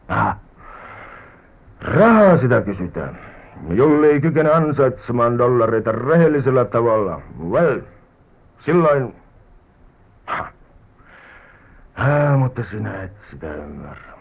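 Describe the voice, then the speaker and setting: An actor playing a penniless, worldly drifter in a vintage radio drama, talking wryly and theatrically with stray English words. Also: male voice, mid-range voice. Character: poor wandering drifter man, wry and worldly. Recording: tinny old radio broadcast recording.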